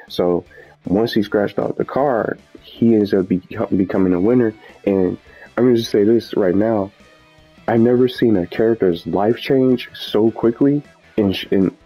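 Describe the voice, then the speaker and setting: A gaming video host with a deep, mellow voice and a breathy edge offers casual, unscripted commentary, rambling and often repeating or rephrasing himself. The dull lo-fi mic also picks up background music.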